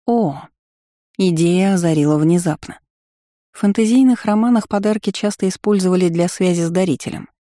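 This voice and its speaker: A woman reading a first-person fantasy novel aloud in a wry, lively storytelling manner. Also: on the low side, brisk, no echo, studio quality. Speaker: audiobook narrator.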